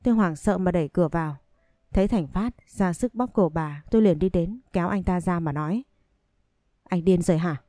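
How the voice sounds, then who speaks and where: A woman narrating a dramatic first-person story in a steady scripted reading. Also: lowish voice, brisk, no room sound, studio quality.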